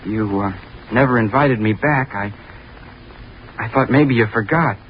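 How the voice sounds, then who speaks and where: Actor as intense college misfit, crackly old radio. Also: male voice, mid-range voice, unhurried, lightly acted. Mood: hurt, pleading. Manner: hesitant, wounded, intense. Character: earnest, obsessive, rejected young male college student. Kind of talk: 1930s radio drama acting. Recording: dull, very noisy 1930s radio recording.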